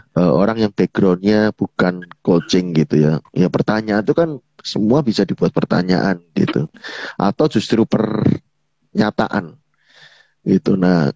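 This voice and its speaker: A man's voice: low-pitched, a little mellow, no echo. A man, an NLP coach explaining ideas in casual talk, padding phrases with fillers and acting out quoted people. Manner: chatty, fills with "gitu ya", quotes others in a raised voice. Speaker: NLP coach, guest speaker. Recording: dull dry lo-fi online audio.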